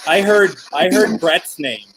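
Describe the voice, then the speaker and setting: Casual male paranormal host, slightly high voice, halting questions, clearly noisy backdrop. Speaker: host of live spirit box session. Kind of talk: live paranormal session, casual questioning aloud to spirits and viewers.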